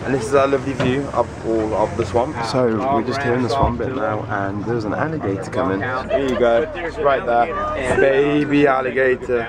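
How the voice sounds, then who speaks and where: A man's voice: mid-range voice, steady tone, normal speed. A man talks casually and cheerfully to his camera while on a tour outside. Chatter from a crowd of people fills the background. His tone stays light and jokey. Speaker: travel vlogger. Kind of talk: casual vlog narration. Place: outdoors, at a swamp tour site and on a boat. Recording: outdoor video with crowd noise.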